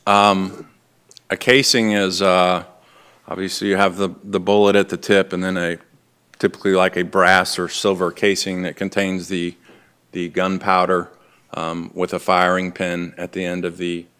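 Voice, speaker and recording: A male detective gives formal courtroom testimony in a low, flat voice. He is polite and matter-of-fact, and his delivery is clean and smooth. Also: measured pace. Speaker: lead detective testifying as witness. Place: indoor courtroom.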